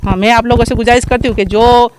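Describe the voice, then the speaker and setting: A woman's voice: a little high, fairly even intonation, quick pace, slight background noise. A village woman speaking outdoors into a reporter's handheld mic, pleading and repeating her points. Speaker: village resident interviewed. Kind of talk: street interview.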